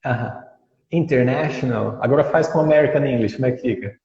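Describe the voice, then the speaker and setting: A man's voice: mid-range voice, rapid-fire, mellow. A man, an English teacher in an interview, patiently explaining and modelling pronunciations. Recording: dull audio in an echoey room with long reverb.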